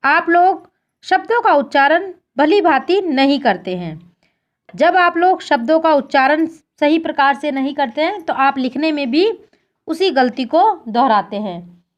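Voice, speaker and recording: Woman, schoolteacher, patient, instructive, slow deliberate recitation. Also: high voice. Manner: patient, instructive, addresses pupils as children. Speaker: school Sanskrit teacher. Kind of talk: classroom lesson, reciting word forms.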